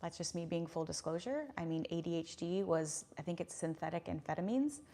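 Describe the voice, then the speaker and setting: A woman's voice: fairly low pitch, lively intonation, fairly quick, dark tone. Rambling woman chatting on a livestream. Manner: rambling, filler-heavy, earnest. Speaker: YouTube livestream host. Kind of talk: casual livestream chat reading viewer comments.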